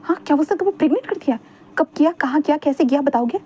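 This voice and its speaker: A woman's voice: sits high, animated, a little mellow, voice pushed up. Woman playing a scolding, interrogating mother. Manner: rapid, interrogating. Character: scolding middle-aged mother.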